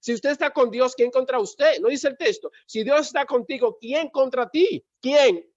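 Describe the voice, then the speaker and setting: Emphatic high-voiced male pastor preaching. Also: moderate pace, dry recording, lo-fi sound. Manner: emphatic preaching with repeated calls for the congregation to answer. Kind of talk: sermon.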